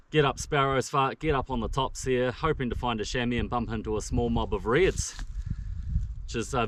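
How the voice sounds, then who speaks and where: A man's voice: mid-range voice, background noise. A man with a broad New Zealand accent, chatting casually and slangily outdoors as a hunter making a vlog. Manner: laid-back, slangy, mild swearing. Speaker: hunter filming own trip. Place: outdoors on open mountain tops.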